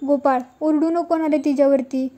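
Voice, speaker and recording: A spirited, determined young woman who coaxes and teases the people around her, as a woman reads her part. The voice sits high and mellow, with little rise and fall. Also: fairly even intonation, normal speed, close to an everyday voice. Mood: pleading. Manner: coaxing, teasing.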